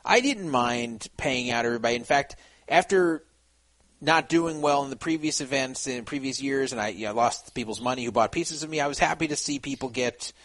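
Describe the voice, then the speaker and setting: A man's voice: mid-range voice, brisk, a bit bright, low-quality recording. A man hosting a casual podcast chat, rambling with many restarts and fillers. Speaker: podcast host.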